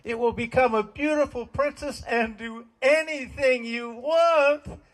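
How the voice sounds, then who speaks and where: An incredulous old friend presses the point in a raised, urgent voice, as an older man imitates him. The pitch sits well above the speaker's usual tone. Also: a little slow.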